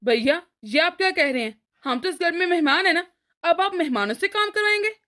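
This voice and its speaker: A woman's voice: very high-pitched, expressive, a little fast, sharp tone, full character voice. A woman voicing a hot-tempered younger brother. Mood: indignant. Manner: indignant, threatening.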